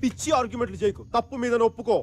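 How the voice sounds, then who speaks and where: A cocky, teasing young rebel. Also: male voice, very high voice, steady tone, racing, a little hiss or hum. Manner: argumentative and teasing, with dry quips. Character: sharp-tongued young rebel fighter, cocky and argumentative.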